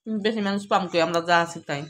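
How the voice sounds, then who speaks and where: Talking fast in a mid-range, fairly bright voice, a Bangladeshi-accented mother chats casually and colloquially to her viewers. It's a home cooking vlog, some of it filmed in the kitchen while frying, and the home audio is noisy with clicks.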